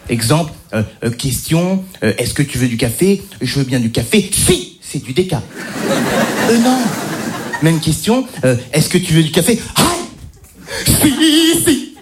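Performing a stand-up routine, this man from the French suburbs spins an exaggerated school tale, pausing hesitantly and slipping into mock voices. He speaks in a sing-song, unhurried way, his voice on the high side, with background noise present.

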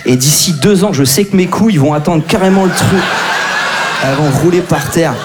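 A stand-up comedian in his forties delivers a crude, brash, self-deprecating set at a live show with an audience. His voice is on the high side and moves at normal speed, with background noise present.

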